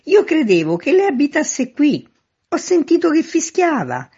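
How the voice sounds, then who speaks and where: Woman voicing confused man yelling from upstairs, high and faraway, dull lo-fi audio. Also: huge pitch swings, measured pace, husky, exaggerated voice. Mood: calling down. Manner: calling out from a distance, increasingly bewildered.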